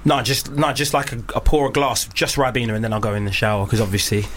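A British man with a mid-range voice hosts a casual comedy radio show. He jokes in a mock-grand manner, with clear noise behind him. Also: mid-range voice, fast, fairly bright tone.

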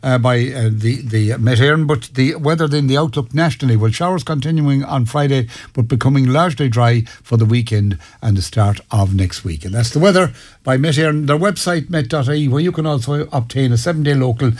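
A man's voice: mid-range voice, fairly quick, a little mellow. An Irish man presenting a radio weather forecast with a somewhat hesitant delivery.

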